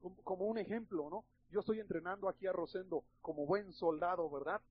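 A male pastor with a Mexican Spanish accent delivers an emphatic, chatty sermon in a high, husky voice. He keeps turning to the congregation and calling them brothers. The recording is slightly dull and lo-fi. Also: a little fast. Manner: emphatic, conversational, addresses listeners as brothers.

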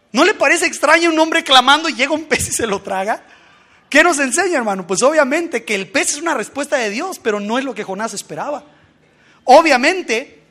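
Man, very high-pitched voice, animated sermon, rhetorical questions, acted-out voices. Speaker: preacher.

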